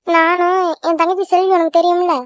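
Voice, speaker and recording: A woman's voice: extremely high pitch, level tone, fairly quick, no room sound. A woman voicing a caring middle-aged village aunt in a cartoon, talking in a coaxing, insistent way. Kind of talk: cartoon voice acting. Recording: dull lo-fi dry recording.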